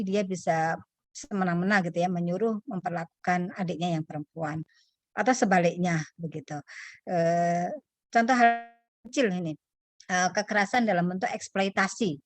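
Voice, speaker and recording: A woman speaking as a webinar panelist, explaining earnestly and pausing often with hesitation fillers over a video call. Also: fairly low pitch, no echo.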